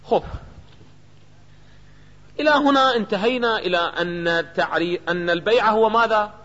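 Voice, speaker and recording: High-voiced Iraqi man lecturing in a hall. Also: normal speed, pushed and bright. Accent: Iraqi Arabic. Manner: keeps firing rhetorical questions at students and answering them. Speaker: jurisprudence teacher. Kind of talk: seminary lecture on a legal text. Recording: reverberant hall, dull lo-fi sound.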